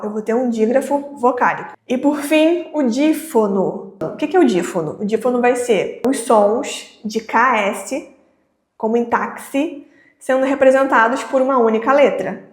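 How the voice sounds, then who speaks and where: A woman teacher explaining Portuguese phonetics in a lesson, slowly drawing out each example word. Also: on the high side, reverberant. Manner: slow, drawn-out pronunciation of example words. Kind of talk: online grammar lesson.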